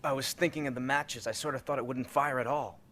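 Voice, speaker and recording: A man's voice: mid-range voice, fairly even intonation, a little fast, a bit bright, slight background noise, close to an everyday voice. A young man speaking in an earnest, unsure way. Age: young adult.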